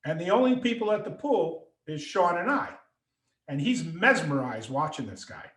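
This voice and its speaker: Speaking at normal speed in a fairly high voice, a middle-aged author and speaker recounts a story on a video call from an echoey room. He tells it with animation, taking on the voices of the people involved.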